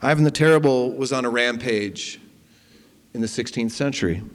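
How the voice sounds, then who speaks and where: A man preaching a sermon and leading prayer, speaking deliberately with prayerful pauses. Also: medium pitch, long reverb tail. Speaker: pastor.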